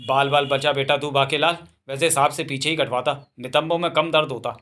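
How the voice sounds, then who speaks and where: A man's voice: medium pitch, steady tone, brisk, sharp tone, lightly acted. A man voicing a cheeky, grateful mongoose who teases. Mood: teasing. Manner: chatty, teasing.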